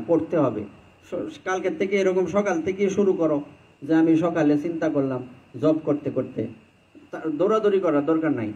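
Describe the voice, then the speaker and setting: High-voiced man giving a devotional sermon. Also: rough recording. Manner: conversational, chants mantra lines mid-talk. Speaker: Vaishnava preacher.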